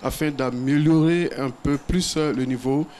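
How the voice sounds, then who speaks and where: Hesitant man, slightly high voice. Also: fairly even intonation, dark tone, slight background noise. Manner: measured, with many hesitations. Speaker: guest, English teacher trainer. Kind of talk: studio interview. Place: TV studio.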